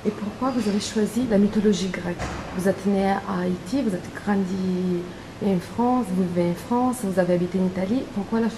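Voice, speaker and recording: A woman interviewer asking formal, direct questions in a measured way. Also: mid-range voice, noisy background.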